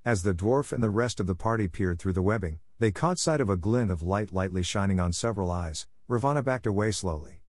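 A low-voiced man narrates a fantasy story in a steady, read-aloud way. His voice sits close to the mic in a dry, dead space. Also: brisk, few pauses, no echo. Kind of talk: scripted narration.

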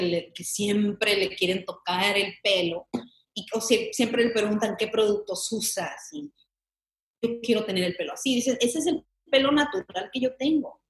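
A young Mexican woman, a comedy sketch creator, chatting animatedly as an interview guest, often laughing. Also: mid-range voice. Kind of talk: casual interview chat. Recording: echoey room.

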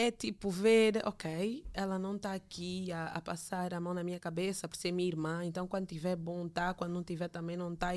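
A woman. She tells stories casually as a guest, with an expressive delivery that slips into quoted remarks. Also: lowish voice. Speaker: podcast guest, copywriter. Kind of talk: casual conversational storytelling.

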